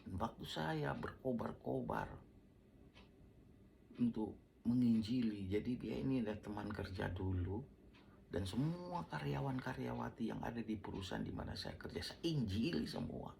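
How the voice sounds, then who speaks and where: A man's voice: medium pitch, expressive, moderate pace, vocal fry, a little mellow, slight background noise. A preacher telling his life story as a testimony, acting out quoted dialogue and often dropping to a near whisper.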